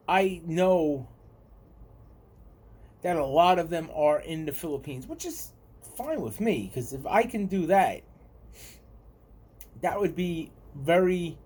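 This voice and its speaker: A man's voice: high-pitched, expressive, slow, pauses often, darkish tone, breathy edge. A man from the United States with a New York accent, chatting casually to his viewers and rambling and repeating himself. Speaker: vlogger. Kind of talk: casual talk to camera.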